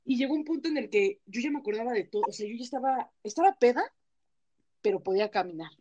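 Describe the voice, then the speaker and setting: A woman's voice: on the high side, animated, fast, dark tone, highs cut off, slight background noise. A young woman with a Mexican accent, co-hosting a casual chat and telling stories in a slangy way, full of fillers. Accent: Mexican Spanish. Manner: chatty, slangy storytelling with many fillers. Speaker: podcast co-host.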